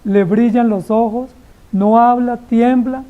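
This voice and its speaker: A woman's voice: on the high side, fairly even intonation, slow pace, narrow, tinny audio. A woman preaching an expository sermon, dramatically acting out biblical dialogue and firing rhetorical questions at the congregation.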